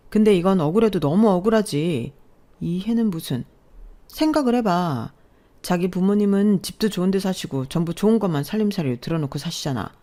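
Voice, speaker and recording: A woman's voice: on the low side, mellow, lightly acted. A woman voicing a defensive young husband who pleads and justifies himself in a story narration. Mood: self-justifying. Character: defensive young husband siding with his mother.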